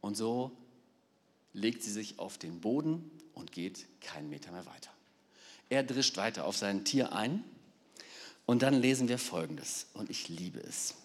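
A man preaching a sermon, retelling a story in a lively, animated way. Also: fairly low pitch, unhurried. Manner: animated, acts out the characters. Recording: long reverb of a large hall.

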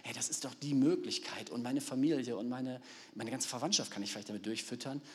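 A man preaching a sermon, retelling a story in a lively, animated way. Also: mid-range voice, a little fast, a little hiss or hum. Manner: animated, acts out the characters. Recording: long reverb of a large hall.

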